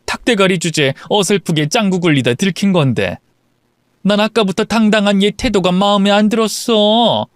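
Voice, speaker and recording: A man's voice: high-pitched, no room sound, studio quality. A man voicing a contemptuous middle-aged woman, a bully's friend, in a story drama.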